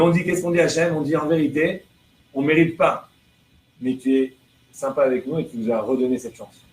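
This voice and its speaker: A man, a rabbi, giving a religious lesson to a live class, asking rhetorical questions and translating prayer lines phrase by phrase. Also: medium pitch. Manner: explains through chains of rhetorical questions. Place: room with listeners present. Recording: echoey room with faint background noise.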